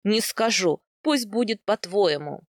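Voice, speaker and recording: A woman reading aloud, voicing a playful young steppe husband in a lowered, eager, teasing voice. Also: expressive, unhurried, dry recording, clean studio sound, close to an everyday voice.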